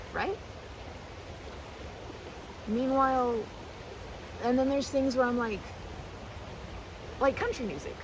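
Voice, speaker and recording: In a rambling, halting, earnest way, a woman chats as though to her best friend in an ASMR roleplay, repeating herself and speaking expressively. Her voice is a little high, and the recording carries background noise from a riverside park.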